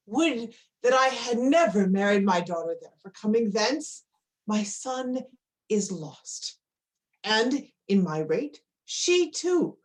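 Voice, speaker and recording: A woman playing a sorrowful, weary royal parent mourning a lost child in a tragic Shakespearean drama. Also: fairly high pitch. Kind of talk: Shakespearean stage drama performance.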